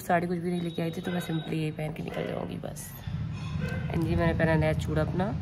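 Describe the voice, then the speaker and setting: A woman's voice: fairly low pitch, mellow. A young woman talking casually to her vlog viewers, chatty and dropping English words into her speech. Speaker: vlogger.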